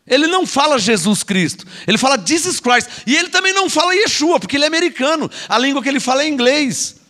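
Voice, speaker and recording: A man's voice: very high voice, lively intonation, quick pace, bright, forceful tone. A man with a Brazilian Portuguese accent preaching a sermon as an apostle, scolding and sarcastic, with mocking asides and repeated words.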